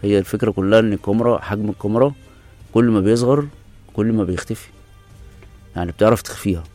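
Deep, mellow Egyptian man explaining things. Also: fairly even intonation, racing, faint music behind. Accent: Egyptian Arabic. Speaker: interview guest, camera specialist. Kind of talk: casual explanatory interview talk.

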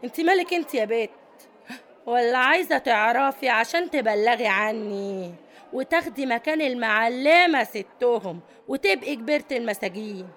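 A woman's voice: on the high side, animated, normal speed, a bit bright, slight background noise. An actress with an Egyptian accent playing a tough, domineering middle-aged female prison boss who scolds and commands. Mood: bossy.

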